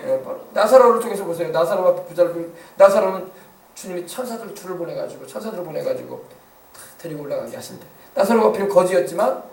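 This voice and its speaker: A man pastor preaching a sermon, emphatic, swinging between hushed passages and loud exclamations. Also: high voice. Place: church sanctuary. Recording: echoey church sound from a distance.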